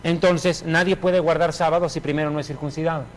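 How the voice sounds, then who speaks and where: A man giving a personal religious testimony in an emphatic, animated storytelling manner. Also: a little high, brisk, slight background noise, rough recording.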